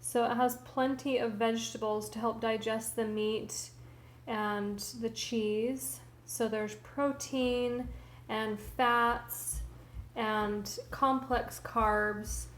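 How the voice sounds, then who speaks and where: A woman narrating a casual cooking vlog in her home kitchen, calmly describing each step as she plates dinner. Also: a little high, reverberant, a little hiss or hum. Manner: slow, homely commentary while plating food.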